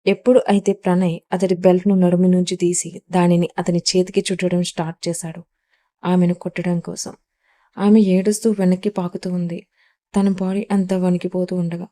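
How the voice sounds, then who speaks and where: A woman storyteller reading a dramatic audio story in steady, even scripted narration. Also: on the low side, normal speed.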